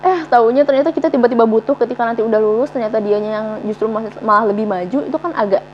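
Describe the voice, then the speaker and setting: A woman's voice: on the high side, quick pace. A young woman chatting as a guest, easygoing and full of fillers, with muffled sound. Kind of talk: casual chat. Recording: dull muffled sound, faint hum.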